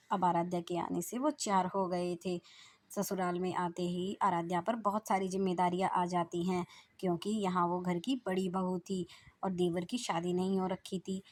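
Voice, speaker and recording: A woman telling a moral story in a steady, expressive narrating voice. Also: fairly low pitch.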